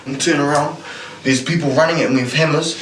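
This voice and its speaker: A young man with a broad Kiwi accent gives a blunt, slangy account in an interview. He sounds off mic in an echoey room, with clear noise around him. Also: a little high, fairly even intonation, fairly quick, recorded from a distance. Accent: broad New Zealand. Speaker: interviewed suspect. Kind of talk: casual recounting in a police interview.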